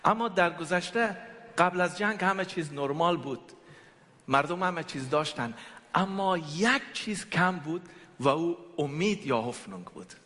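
Bright and forceful, a little high and very fast, an animated Afghan man preaches as a guest, weaving in personal testimony in short chunks for his interpreter. Persian is his first language and he carries an Afghan accent. The echoing church hall is large, and its reverb lingers long.

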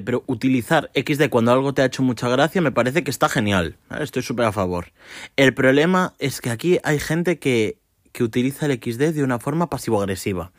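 A man's voice: medium pitch, dry recording, clean studio sound. A man hosting a podcast, delivering a sarcastic, swearing comic rant. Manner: sarcastic, ranting, swears often. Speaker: podcast host. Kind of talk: casual comic monologue.

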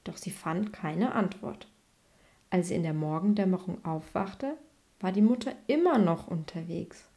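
A woman reading a children's bedtime story aloud, gently and evenly. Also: on the low side, expressive, measured pace. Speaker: storybook reader.

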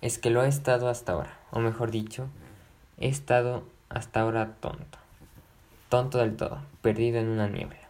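A man reading aloud, voicing an agitated, lovesick gentleman who pleads and repeats himself. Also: medium pitch, level tone, a little fast, close to an everyday voice. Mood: coaxing. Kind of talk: audiobook narration.

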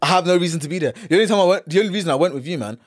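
A man with a London roadman accent and a slightly high voice, recorded close and dry. He banters casually in thick street slang, driving his points home with emphatic repetition. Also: rapid-fire, no echo. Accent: London, urban roadman slang. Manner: slangy, emphatic, repeats phrases for effect. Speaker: podcast co-host.

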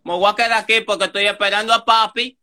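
A man telling a story fast in a casual chat, acting out the quoted lines. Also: high voice, fairly even intonation, pushed and bright.

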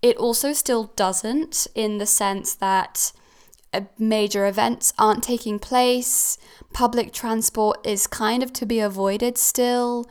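A woman's voice: fairly high pitch, fairly even intonation, slow, a little mellow, clear, resonant tone. A young woman who grew up in Switzerland, hosting a casual solo podcast and chatting with frequent ums and self-corrections. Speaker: podcast host. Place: new house.

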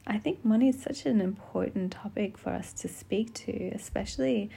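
A woman hosting a solo podcast in a soft, gentle voice, speaking tenderly and intimately without hurry. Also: medium pitch, moderate pace, gravelly, husky. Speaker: podcast host. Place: small closed bedroom at home. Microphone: podcast microphone.

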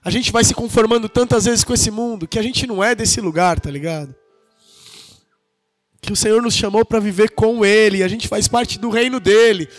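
A man's voice: high-pitched, normal speed, no echo, soft background music. A man preaching an informal sermon, retelling a scripture story in slangy, dramatic style.

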